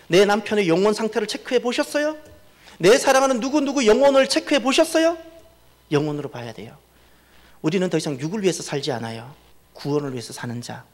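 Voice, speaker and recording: High-voiced preaching man in reverberant church. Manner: preaching with rising emphatic repetition, asking the congregation questions. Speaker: pastor. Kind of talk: sermon. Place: church sanctuary.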